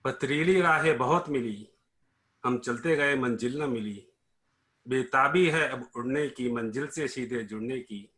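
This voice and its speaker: A man recites his own verse in a measured, rhythmic way. His voice is bright and forceful. He keeps the lines steady. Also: medium pitch. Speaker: participant reciting his poem. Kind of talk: poetry recitation.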